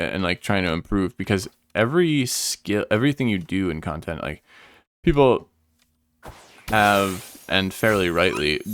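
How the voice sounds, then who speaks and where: Low-voiced sleepy male streamer, rambling. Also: fairly bright tone, a little hiss or hum. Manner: rambling, thinking aloud with many fillers. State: sleepy, yawning. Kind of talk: casual livestream gameplay chat.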